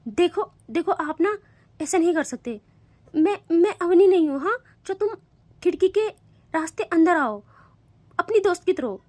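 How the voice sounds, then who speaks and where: A woman's voice: sits high, unhurried, no echo, voice pushed up. A woman doing a timid, teary young girl. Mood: nervous protest. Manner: pleading, tearful, stammering. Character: sleepy, timid young woman, easily scared.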